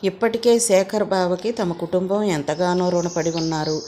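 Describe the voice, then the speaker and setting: A woman narrating a novel aloud in a measured, expressive reading. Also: lowish voice, slight background noise. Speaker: audiobook narrator.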